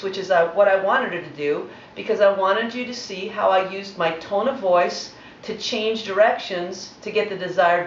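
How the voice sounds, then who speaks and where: A woman dog trainer with a mid-range voice gives a patient, methodical demonstration lesson. The recording is roomy, distant and dull, with slight background noise.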